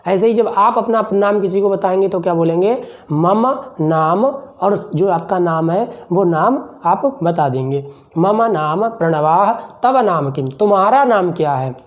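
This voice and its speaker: A male teacher explaining a lesson slowly and deliberately, repeating phrases word by word and asking questions that he then answers himself. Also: high-pitched.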